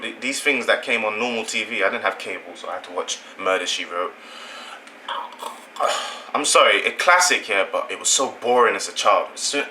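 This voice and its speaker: A man's voice: mid-range voice, sharp tone, slight background noise, low-quality recording. A young British man from England hosting his channel, talking through an opinion in a casual, rambling way and often correcting himself. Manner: rambling, self-correcting, conversational. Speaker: channel host.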